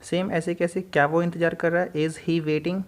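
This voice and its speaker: A man's voice: a little high, flat delivery, moderate pace. A young man teaching an English grammar lesson, drilling example sentences over and over.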